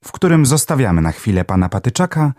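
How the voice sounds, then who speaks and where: A man narrating a children's storybook in a gentle, expressive reading. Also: medium pitch, quick pace. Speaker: audiobook narrator.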